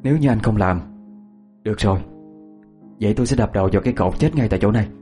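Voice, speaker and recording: A man voicing a bewitched young woman, making cold, insistent demands in a husky voice. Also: on the low side, fast talker, music in the background, lightly acted. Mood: defiant.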